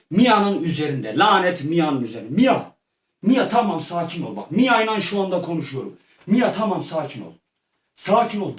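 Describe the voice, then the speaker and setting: A man with a high voice narrates a made-up scene play by play, saying each phrase again and again and breaking into frantic shouts. He sits well back from the mic, and the room around him rings. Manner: repeats phrases over and over, frantic when shouting. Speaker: storyteller playing out a scene. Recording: echoey room, voice far from mic.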